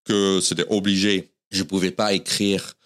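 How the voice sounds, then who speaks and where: Deep-voiced man with an American accent. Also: flat delivery, moderate pace, a bit bright. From United States. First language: English. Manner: storytelling, self-deprecating. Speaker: stand-up comedian guest. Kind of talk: podcast interview.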